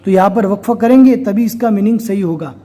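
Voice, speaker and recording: High-voiced man teaching Quran reading. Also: mellow. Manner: explains slowly and step by step, then recites in a slow chanting voice. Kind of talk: recorded recitation lesson.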